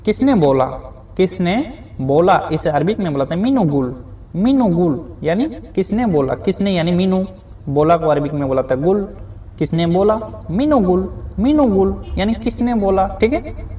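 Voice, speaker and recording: His voice is high-pitched and warm, with lively intonation at a moderate pace. As an Arabic teacher in a beginner lesson, he says, repeats and explains each spoken phrase word by word, calling viewers friends and saying "okay" a lot.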